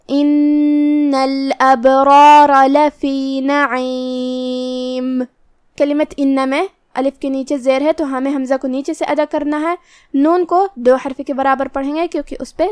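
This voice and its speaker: A woman teaching Quran recitation rules, explaining step by step and reciting verses slowly. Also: sits high, no echo, studio quality. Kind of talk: tajweed lesson with slow recitation.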